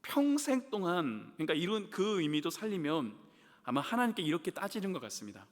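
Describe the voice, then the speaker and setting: A man's voice: sits high, big pitch swings, a little fast. A man preaching a Wednesday evening sermon as pastor. He puts questions to the congregation and voices the psalmist's laments. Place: church sanctuary. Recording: long hall reverb in a church.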